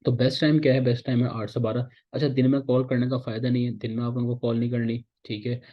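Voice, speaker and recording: A man's voice: medium pitch, flat delivery, quick pace. Man teaching casually. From Pakistan. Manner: casual, repetitive teaching, often checks in with "theek hai". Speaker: instructor. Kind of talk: recorded lecture. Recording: slightly dull, lo-fi audio.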